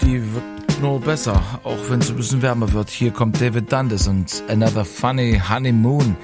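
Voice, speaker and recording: A man's voice: medium pitch, moderate pace, over loud music. A man hosting a radio morning show, upbeat and chatty as he moves between guests.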